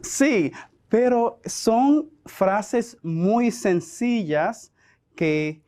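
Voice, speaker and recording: A man teaching French on a televised class, drilling conjugations slowly and explaining in Spanish. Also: high voice, a little mellow. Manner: slow, deliberate drilling, switching between French and Spanish. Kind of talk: televised language lesson.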